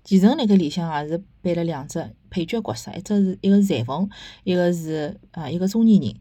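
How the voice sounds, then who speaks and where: Low-voiced Shanghainese woman, casually chatting. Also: expressive, fairly quick, mellow, husky, dry recording. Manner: conversational, opinionated, with rhetorical tag questions. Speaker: host of a book and theatre review podcast. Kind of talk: casual chat, reviewing and retelling.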